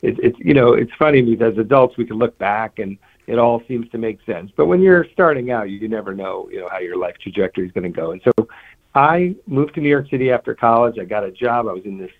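A man's voice: medium pitch, animated, fast. A man from New Jersey, a guest on a radio interview, talking earnestly and often restarting his sentences. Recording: tinny phone line.

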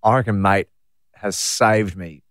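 A man's voice: fairly low pitch, steady tone, a little slow, no echo, studio quality. An Australian man hosting a podcast, easygoing, chiming in briefly. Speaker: podcast host. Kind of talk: casual podcast chat.

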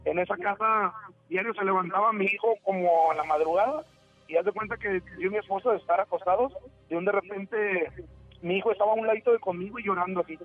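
A man, calling into a radio show and telling a ghost story in a halting, rambling way with many restarts. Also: high voice. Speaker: radio caller. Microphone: telephone. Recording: tinny phone line with faint music.

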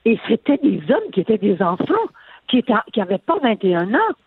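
An older woman, calling in to a radio talk show, talking earnestly with many halting restarts. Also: medium pitch, very animated, husky, dry recording. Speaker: caller. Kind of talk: phone-in radio chat. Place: on a phone call from abroad. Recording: tinny phone line.

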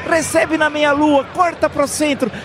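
A man performing as a fervent radio football commentator, with explosive goal commentary, drawn-out shouted calls and emphatic repetition. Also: very high voice, little pitch movement, crowd noise, background noise. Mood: fervent, excited. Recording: music behind the voice.

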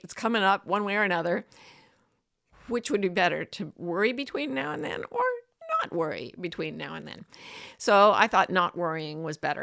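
A woman hosts an informal talk in a mid-pitched voice. She speaks to her online listeners in a familiar, chatty way. Her delivery is animated and emphatic, like personal conversation more than a scripted read. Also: gravelly. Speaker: host of a weekly broadcast.

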